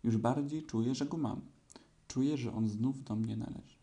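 A man voicing a gloomy, self-pitying old donkey in a storybook reading, talking slowly and sulkily. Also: medium pitch, warm tone, lightly acted. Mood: mournful. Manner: slow, sulky, complaining.

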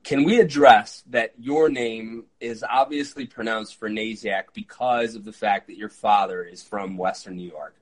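A man in his early thirties hosting a podcast interview, eager and quick, with frequent fillers. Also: fairly low pitch, fairly even intonation, low-quality recording. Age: 30s. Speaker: podcast host. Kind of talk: conversational interview.

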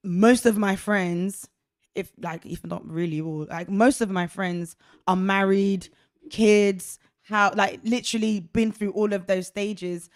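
A woman in her thirties co-hosting a casual faith discussion podcast, chatty and expressive, laughing often. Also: mid-range voice, slow, no room sound, clean studio sound. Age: 30s. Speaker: podcast co-host.

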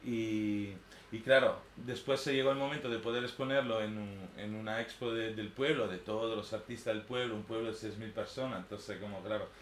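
A native Italian speaker from northern Italy, in his thirties, gives an informal, unscripted personal talk as an artist, his Italian accent clear. His voice is fairly low, steady in tone, and brisk, though he hesitates, rambles, and often tags phrases to seek agreement. The room is echoey, with faint background noise.

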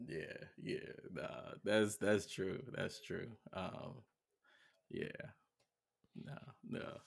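Gravelly guy in his 30s on a podcast, lowish voice, gets loud acting out his own story bits. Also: extremely slow. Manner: animated storyteller, acts out his own shouts. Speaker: podcast co-host. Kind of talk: casual chat.

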